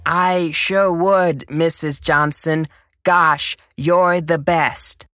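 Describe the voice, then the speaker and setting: A woman's voice: low voice, fairly even intonation, drawn-out words, a bit bright, heavily acted. A woman voicing a naive, eager teenage boy with gee-whiz politeness in a parody radio advert. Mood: eager, gushing.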